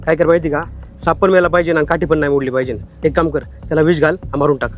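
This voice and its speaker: An actor playing a scheming lover who talks quickly in a conspiratorial way. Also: male voice, a little high, fairly even intonation, highs cut off, faint music behind, lightly acted. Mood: conspiring. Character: scheming male lover, urging a murder.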